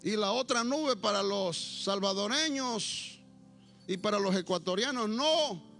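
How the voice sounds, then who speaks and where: A man preaching a Pentecostal sermon to a church congregation, swinging between shouted declarations and low, quiet asides, with a playful teasing streak. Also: measured pace, gravelly, soft background music. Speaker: pastor.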